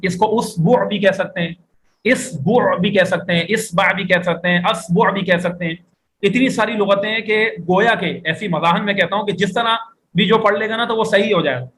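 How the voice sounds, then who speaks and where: A man with a high, bright voice teaches vocabulary to a class and has the students repeat each word after him. The room is echoey and carries a faint background hum. He talks like a teacher standing at a board. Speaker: Arabic teacher. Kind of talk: classroom lecture.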